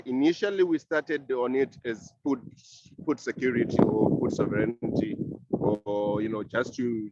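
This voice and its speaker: A man speaking by phone from outdoors about a community compost project, halting and often restarting his words. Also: mid-range voice, darkish tone, no echo. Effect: heard over a phone call. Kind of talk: casual panel contribution. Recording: dull, dry phone audio.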